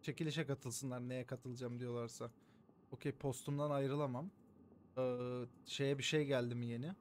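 A man's voice: medium pitch, little pitch movement, normal speed, a little hiss or hum. A man streaming a game live, joking around, swearing often and thanking his viewers by name. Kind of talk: live gameplay commentary.

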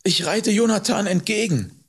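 A man's voice: a little high, huge pitch swings, normal speed, creaky, slightly rough, voice pushed up, heavily acted. A man reading an audiobook, voicing a frightened young boy who cries out in a pleading, shaky voice. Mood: anxious. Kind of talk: audiobook character voice.

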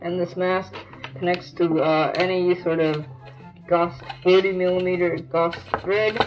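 Someone chatting through a gas mask, muffled, casual gear review, mid pitch, faint music behind. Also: fairly even intonation, measured pace. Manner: informal, loosely explaining as they go. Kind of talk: casual show-and-tell review.

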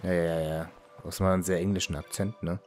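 A man casually commenting on his gameplay as a let's play host, relaxed and often muttering asides to himself. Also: low-pitched, quick pace, faint music behind.

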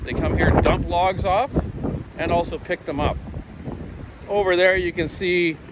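A Canadian chainsaw shop owner in his fifties rambles folksily, full of fillers, while vlogging on a walk through a windy seaside park, his phone camera held at arm's length. His voice is high and fairly even in intonation, and he speaks unhurriedly. The recording is muffled, with loud gusting wind hitting the phone mic.

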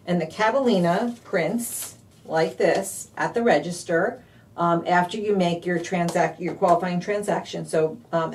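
A woman hosting a live-streamed couponing deals rundown, bubbly and excitable, with lots of fillers. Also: mid-range voice, far from the mic. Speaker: couponing show host.

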